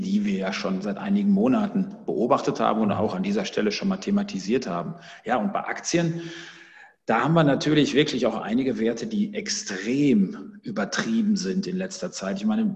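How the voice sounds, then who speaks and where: Low, gravelly man in a reverberant space. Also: a little mellow, highs cut off. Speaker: finance podcast co-host. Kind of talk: conversational market commentary.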